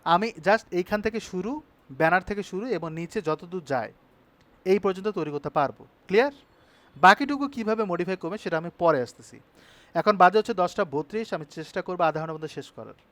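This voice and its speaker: A man with a high, light voice walks students through building a web page in a live online class. He talks briskly and keeps asking whether they are following. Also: expressive, a bit bright, no echo. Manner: brisk, checks in with students often. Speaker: web design instructor.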